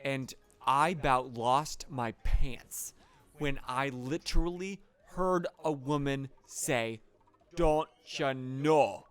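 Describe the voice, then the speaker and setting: A man's voice: mid-range voice, slow, smooth. A man co-hosting a video game let's play, joking playfully and talking to the viewers. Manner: animated, playful, talks to the viewers. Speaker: co-host playing a video game. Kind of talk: casual let's play chat.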